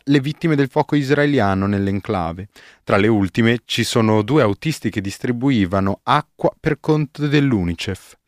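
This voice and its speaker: Male radio newsreader, lowish voice, scripted delivery, very dry sound. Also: no room sound. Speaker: news presenter. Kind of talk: scripted radio news reading.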